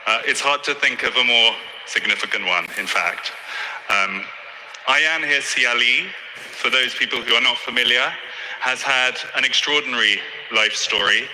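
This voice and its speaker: A man's voice: medium pitch, normal speed, pushed and bright, reverberant, slight background noise, poor audio. A man hosting a live stage event, giving a formal, earnest introduction and moderating the conversation. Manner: polished, earnest presenter. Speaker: host and moderator.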